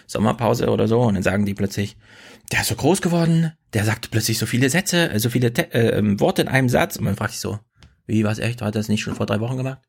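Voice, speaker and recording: Gravelly-voiced man chatting casually. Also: fairly low pitch. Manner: chatty, rambling, self-correcting. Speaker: podcast co-host. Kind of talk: casual chat.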